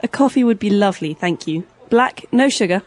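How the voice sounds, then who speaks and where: A woman's voice: mid-range voice, expressive, fairly quick, lightly acted. A woman acting a polite young job candidate at an interview in a scripted dialogue. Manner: polite, gracious.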